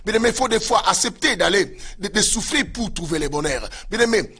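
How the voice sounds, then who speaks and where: Male pastor, fervent sermon delivery, high bright voice, slightly husky. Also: animated, a little fast. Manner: fervent preaching with repeated direct address to listeners.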